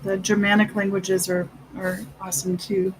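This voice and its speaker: A person chatting casually and haltingly, trailing off mid-thought and switching between English and Spanish. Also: medium pitch, little pitch movement, noisy background. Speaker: livestream host of an inking session. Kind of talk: casual chat.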